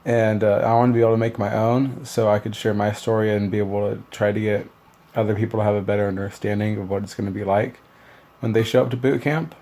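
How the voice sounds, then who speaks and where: Gravelly young man casually rambling. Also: fairly low pitch, level tone, fast, warm tone. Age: young adult. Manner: rambling, loose, many fillers and restarts. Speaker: new Marine recalling boot camp. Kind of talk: casual storytelling vlog.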